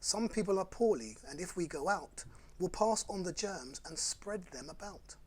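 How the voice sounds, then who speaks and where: A man voicing a calm, dutiful female nurse in a children's storybook, gently instructive, with a husky tone. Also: high voice, moderate pace.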